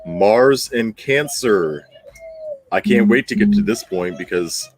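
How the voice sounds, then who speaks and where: Animated yet slow, a man with a voice on the low side hosts astrology commentary for his channel. He reads some material and improvises the rest, blunt and emphatic, often repeating phrases for emphasis.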